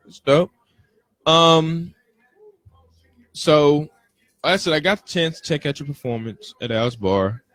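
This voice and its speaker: A man's voice: on the high side, a little slow, long pauses, fairly bright tone, no room sound. A man hosting an interview in a casual, encouraging, slangy way, often repeating short affirmations. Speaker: interviewer, show host.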